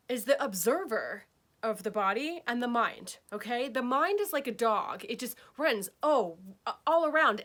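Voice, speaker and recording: Woman healing teacher, casual spiritual talk, bright and a bit high-pitched, chatty check-ins. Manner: chatty, keeps checking in with "okay?" and "right?".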